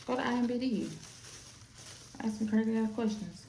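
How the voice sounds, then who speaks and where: A woman chatting casually while doing makeup, retelling a movie in a sassy, animated way. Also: a little high, normal speed, vocal fry, echoey room, a little hiss or hum. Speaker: makeup artist.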